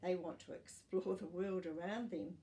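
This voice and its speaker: A woman in her sixties, her voice on the low side and mellow, reads a children's non-fiction picture book aloud at a normal, steady pace. As a storytime host she speaks carefully and simply for young listeners. She's in a small indoor living room, recorded by a camera a short distance away.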